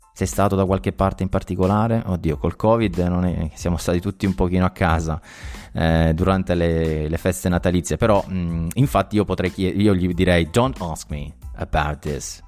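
A man in his thirties with an Italian accent, teaching English phrases in a casual lesson, explaining in a relaxed way and saying the example phrases brightly. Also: low voice.

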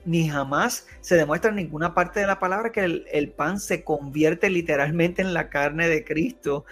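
Guy with a fairly high voice explaining scripture on a podcast, keeps saying "right?", soft music under. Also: moderate pace. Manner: keeps adding tag questions, frequent hesitations. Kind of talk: conversational Bible teaching.

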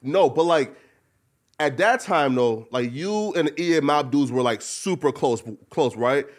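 A male interviewer with a fairly high voice. He talks in loose street slang with a hyped-up bro manner, leaning on bro, like and right as he goes. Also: animated, measured pace. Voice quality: slang-heavy speech. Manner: hyped-up bro talk, repeatedly saying bro, like and right.

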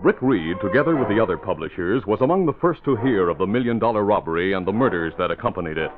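A man's voice: on the low side, animated, quick pace, narrow, tinny audio. Male radio narrator, thin old broadcast. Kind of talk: scripted old-time radio drama narration.

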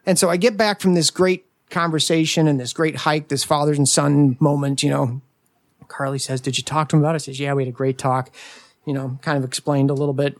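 A man in his forties on a podcast, telling a family story in a casual, animated way and acting out what others said. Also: fairly high pitch, fairly quick, no room sound, studio quality. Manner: animated, acts out family quotes. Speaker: podcast guest.

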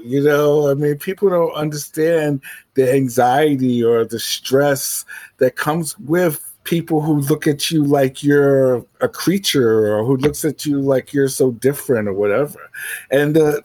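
A man's voice: a little high, darkish tone, dry recording. A man talking as a guest writer in a casual interview, rambling and filling his speech with "you know" and "I mean".

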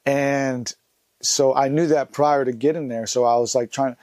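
A man's voice: medium pitch, fairly even intonation, unhurried, a little mellow, dry recording. A young man, telling a story in a casual, rambling, slangy way. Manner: laid-back, rambling, slangy. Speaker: vlogger.

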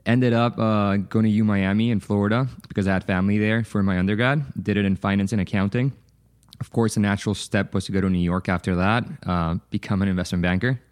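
Deep-voiced man, smooth and dry. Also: no echo. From Chile. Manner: relaxed, fluent storytelling with occasional fillers. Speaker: podcast guest. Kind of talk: conversational interview.

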